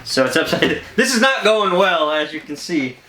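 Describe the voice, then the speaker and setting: Bright and forceful, this unboxing host's fairly high voice swings widely in pitch at a moderate pace. He runs his collectibles channel in loose, rambling chat, cutting himself off frequently, in an echoey room with some noise behind him.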